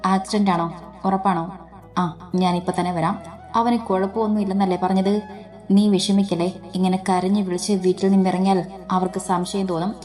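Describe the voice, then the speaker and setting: A woman voicing a gentle, protective young husband in a spoken story, talking softly and coaxingly. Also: mid-range voice, flat delivery, normal speed, close to an everyday voice. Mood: tense.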